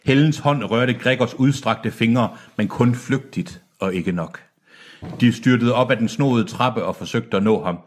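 A man reading a book aloud on a podcast, who breaks off to joke and swear. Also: medium pitch. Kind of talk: casual reading with comic asides.

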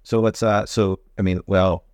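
A man co-hosting a podcast in casual conversation, talking haltingly with many restarts and stammers. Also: low voice, level tone, darkish tone, smooth, dry recording, clean studio sound. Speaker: podcast co-host.

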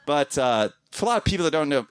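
A man's voice: fairly high pitch, very animated, quick pace, smooth, soft background music. A man who podcasts, talking to his community in a casual, heartfelt ramble, with frequent restarts and casual swearing. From Columbus, Ohio area. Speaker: podcaster speaking as a guest.

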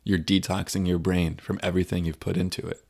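A man's voice: sits low, flat delivery, brisk, gravelly, a little mellow, husky. A man co-hosting a faith podcast, chatting casually and telling rambling stories with many fillers. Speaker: podcast co-host and youth minister. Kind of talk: casual chat.

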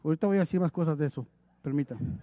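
A man's voice: a little high, very fast, dark tone, no echo. A male preacher delivering an emphatic, exhorting sermon, lightened with humorous acted asides.

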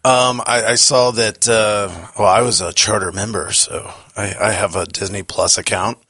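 A man with a hoarse, croaky frog-like voice, chatting casually as a podcast co-host. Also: fairly low pitch, steady tone, normal speed, pushed and bright, no room sound, clean studio sound. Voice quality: croaky, froggy voice. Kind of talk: casual chat.

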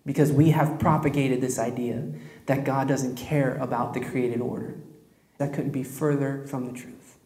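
Conversational pastor in a roomy church. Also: male voice, medium pitch, little pitch movement, normal speed, dark tone. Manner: storytelling, conversational, addresses congregation directly. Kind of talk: sermon. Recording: roomy echo.

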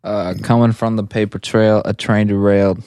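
A man who is a guest on a casual podcast, joking in a deadpan way. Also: on the low side, moderate pace, clear, resonant tone, no echo, studio quality. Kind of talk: casual chat among friends.

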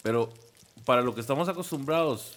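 A man's voice: mid-range voice, brisk, a bit bright. Man, faint noise behind. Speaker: podcast co-host. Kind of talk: casual chat.

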